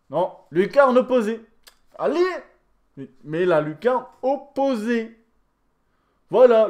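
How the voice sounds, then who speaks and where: A tired man, commentating his football video game casually and excitably, shouting at the referee. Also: high voice, muffled recording. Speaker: gaming YouTuber.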